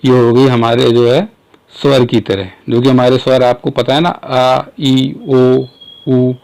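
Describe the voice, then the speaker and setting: A man explaining a grammar point in a casual lesson, asking rhetorical questions and sounding out words slowly. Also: medium pitch, little pitch movement, vocal fry, darkish tone, low-quality recording. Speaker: English teacher.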